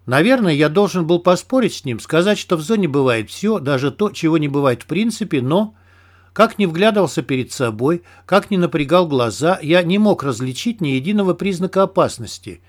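A man reads a first-person audiobook in a steady, even storytelling manner. His voice sits fairly high for a man. This is scripted narration read at an unhurried pace.

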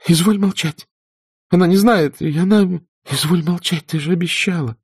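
A man voicing a gentle young woman who pleads and warns. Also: sits high, normal speed, husky, no room sound, studio quality, pitched above the performer's own voice. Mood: pleading. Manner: pleading, warning.

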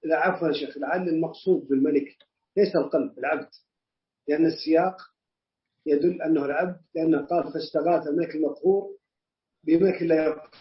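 A man teaching a classical book in a classroom lesson, explaining quickly and emphatically, joking with his students. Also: on the high side, fairly even intonation. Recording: dull lo-fi lecture recording.

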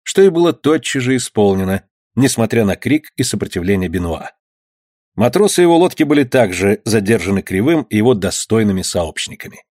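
A man narrating an adventure story as an audiobook, in a steady storytelling manner. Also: lowish voice, brisk, dry recording, studio quality.

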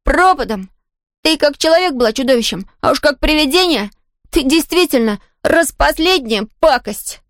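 Scared but defiant young boy played by a woman, higher, trembling voice. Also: expressive, normal speed, no echo, clean studio sound. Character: frightened young boy, defiant despite fear.

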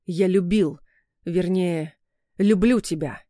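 A woman's voice: lowish voice, slow, warm tone, dry recording. A woman reading an audiobook voices an angry, bitter young man who snarls and mocks in a dry recording. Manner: snarling, mocking. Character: menacing young male ex-fiancé, angry and bitter. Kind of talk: audiobook character voice.

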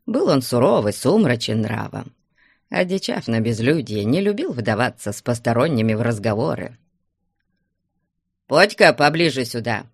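A man narrating a classic novel in a measured, unhurried storytelling manner. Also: medium pitch, very animated, gravelly, darkish tone, breathy edge, dry recording, studio quality. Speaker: audiobook narrator.

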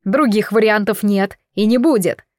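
A stern elder patriarch who lays down the law coldly, read by a woman. The voice stays near her own middle pitch. It is delivered dry and close. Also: moderate pace, darkish tone, no echo, close to an everyday voice. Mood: furious. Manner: cold, commanding. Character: stern cold elder man, domineering.

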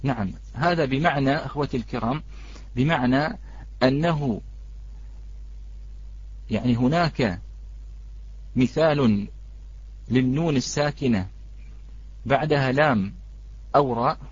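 A man teaching a live online recitation lesson. He greets the students in the chat and draws out each example word slowly. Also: medium pitch, breathy edge, highs cut off.

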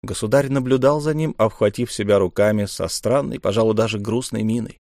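A man narrating a novel in an even, measured reading. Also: fairly low pitch, gravelly, no room sound, studio quality. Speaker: audiobook narrator. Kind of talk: scripted narration.

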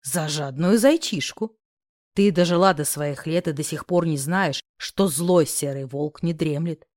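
A woman's voice: deep voice, measured pace, a little mellow, dry recording, clean studio sound, pitched below the performer's own voice. A woman voicing a mocking, bossy rich young man who teases and hisses orders. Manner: smug, teasing, hissing orders.

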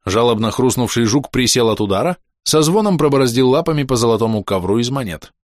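A man narrating a first-person fantasy action audiobook with brisk, vivid reading. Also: medium pitch, lively intonation, darkish tone, no echo, clean studio sound.

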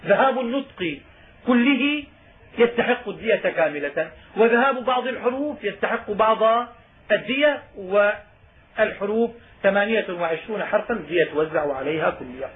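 A man's voice: sits high, expressive, moderate pace. A man teaching Islamic law, reading lines from a text and then explaining each one in plain speech, with emphasis on key words. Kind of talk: explaining a legal text in a lesson. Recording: tinny phone-like sound with faint noise.

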